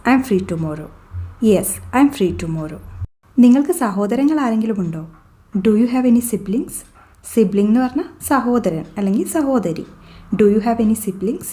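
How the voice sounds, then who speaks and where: Woman english teacher drilling phrases, says everything twice, warm mellow tone. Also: fairly high pitch. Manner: slow, deliberate, repeats each English sentence twice. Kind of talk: bilingual phrase drill lesson.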